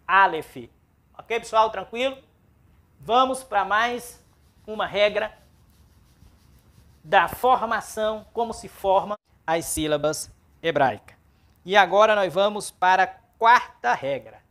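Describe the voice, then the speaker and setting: Slow, deliberate Brazilian woman teaching. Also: mid-range voice, fairly bright tone. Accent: Brazilian Portuguese. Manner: deliberate, repeats words aloud for practice. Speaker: Biblical Hebrew teacher. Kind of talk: classroom lesson.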